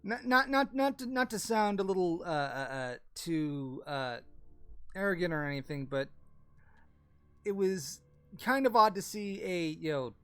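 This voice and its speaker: A man's voice: high voice, a little slow, fairly bright tone, smooth, no echo, faint music behind. A man voicing a nosy elderly woman neighbor in a tabletop game, hesitant and stammering with many fillers. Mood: chatty. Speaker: game master. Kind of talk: tabletop role-play, improvised character voice.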